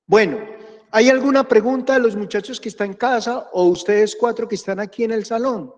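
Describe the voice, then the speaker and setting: A man from Colombia, giving a history lecture and telling stories in a chatty, animated way. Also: high voice, fairly quick, big-room sound. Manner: animated, chatty, acts out anecdotes. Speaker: history teacher. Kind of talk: classroom lecture with storytelling. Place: classroom, with hybrid remote class.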